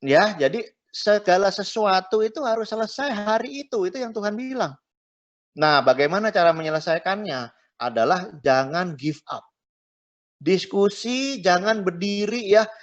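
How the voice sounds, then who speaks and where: A man's voice: sits high, expressive, moderate pace. A middle-aged man, a pastor, teaching a marriage class in a chatty way, tagging his phrases and mixing in English words. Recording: dull lo-fi recording.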